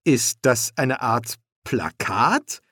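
A man's voice: medium pitch, big pitch swings, extremely slow, fairly bright tone, slightly rough, no room sound, clean studio sound, full character voice. A man voicing a young pharaoh who is curious, impatient and used to giving commands. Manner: commanding, questioning.

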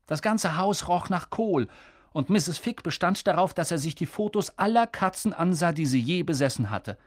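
An expressive audiobook narrator telling a story with a lively, varied pitch. The recording is dry and close. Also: moderate pace, no echo. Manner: expressive, voices the characters.

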